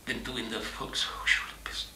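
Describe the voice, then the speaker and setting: An actor playing an older stand-up entertainer, animated in his jokes and bitter when he is hurt. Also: fairly low pitch, moderate pace, roomy sound, slight background noise. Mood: joking. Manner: animated joke telling, then bitter and sharp. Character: aging entertainer, vain and touchy.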